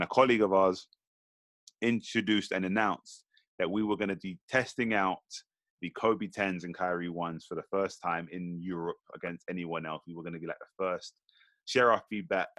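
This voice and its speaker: Podcast co-host, slangy and animated, lowish voice, dry sound. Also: male voice, no echo. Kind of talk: casual podcast chat.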